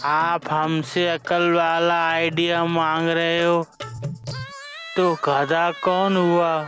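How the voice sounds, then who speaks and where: An actor playing a slow-witted, literal-minded male servant in a TV family sitcom, with a drawling, deadpan way of answering. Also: a little high. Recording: TV sitcom with background music.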